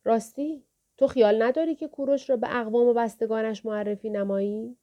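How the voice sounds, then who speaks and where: A woman voicing an aging male king who speaks in a measured, formal and calculating way. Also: fairly high pitch, fairly even intonation, mellow, highs cut off, close to an everyday voice. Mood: composed. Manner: measured, formal royal speech.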